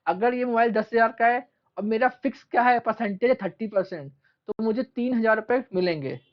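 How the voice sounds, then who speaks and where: Male teacher, classroom lecture; repeats and stretches key terms; dull recording. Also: sits high. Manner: asks questions and answers them himself, repeats key terms; stretches out terms slowly while writing. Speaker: commerce teacher.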